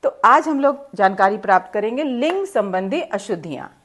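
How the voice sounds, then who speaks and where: A woman teacher explains grammar rules patiently, step by step, with plenty of examples. She reads each example sentence slowly and deliberately before correcting it. Her voice sits in a mid register, and she talks into a close mic. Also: mid-range voice, lively intonation, fairly bright tone. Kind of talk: online grammar lesson.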